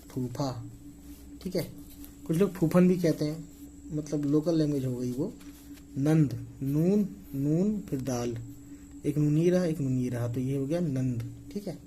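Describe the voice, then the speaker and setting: A man's voice: fairly high pitch, mellow, a little hiss or hum, rough recording. A man teaching how to write words in Urdu script, spelling each one out letter by letter and checking in with a frequent "okay". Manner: slow, spells letters aloud, repeats okay often. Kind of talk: casual spoken lesson.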